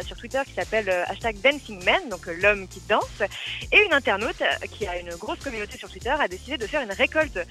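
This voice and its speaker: A woman's voice: fairly high pitch, pushed and bright. A woman giving a playful, teasing web news column on radio, joking as she talks. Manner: playful, teasing, quick talk with laughs.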